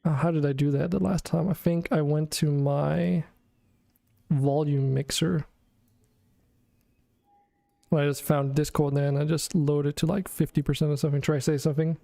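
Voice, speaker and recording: A man's voice: on the high side, steady tone, normal speed, gravelly, long pauses, dark tone, no room sound. A man hosting a game stream, chatting casually and thinking aloud with some hesitation. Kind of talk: casual chat while playing a game.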